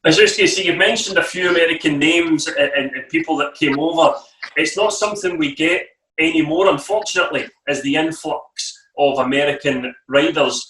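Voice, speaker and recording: A man's voice: on the high side, a little fast, sharp tone. A man co-hosting a casual interview, asking friendly, probing questions. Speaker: co-host. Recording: roomy sound, distant from mic.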